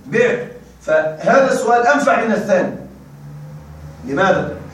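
High-voiced man teaching in an echoey classroom. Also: expressive, a little fast, slight background noise. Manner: call-and-response drilling, prompts students to finish words. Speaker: grammar teacher. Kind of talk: classroom grammar lecture. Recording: very echoey room, voice far from mic.

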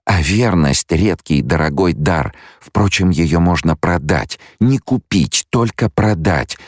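A man's voice: sits low, expressive, measured pace, no room sound, studio quality, pitched above the performer's own voice. Man putting on a tormented young noblewoman seer. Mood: bitter. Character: anguished young noblewoman seer, imperious and bitter. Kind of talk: audiobook character voice.

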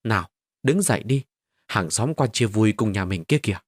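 A gentle, self-sacrificing widowed mother, as a male narrator plays her, speaking soft and soothing words. Her lines move with lively pitch, recorded close and dry. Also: normal speed, husky, no room sound. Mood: tender.

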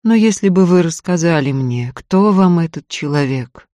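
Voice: medium pitch, animated, moderate pace, warm tone, no echo, close to an everyday voice. A reader doing an ardent young student. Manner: earnest, ardent, stammering apologies. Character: earnest young male student, impulsive, gallant. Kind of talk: audiobook character voice.

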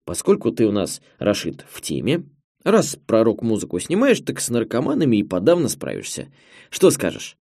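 A man's voice: medium pitch, wildly swooping pitch, normal speed, creaky, warm tone, no echo, heavily acted. A male audiobook narrator voicing a jovial older film studio director who talks in a hearty, teasing way. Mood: eager, persuasive. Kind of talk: audiobook character reading.

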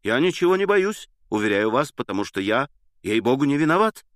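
Man doing a high, pushy-loud young lover, earnest and flustered, audiobook. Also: very animated, fairly quick, dry recording, studio quality, lightly acted. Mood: excited pleading. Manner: eager, breathless protesting. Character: excitable, earnest young man pleading innocence.

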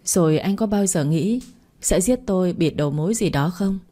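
A woman's voice: fairly low pitch, moderate pace, warm tone, lightly acted. A woman voicing a grieving young woman who speaks earnestly and pleads.

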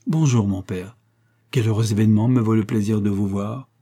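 A man's voice: lowish voice, fairly even intonation, normal speed, dark tone, close to an everyday voice. A man voicing a dignified young son who speaks formally and firmly. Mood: polite, firm. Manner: formal, firm, polite.

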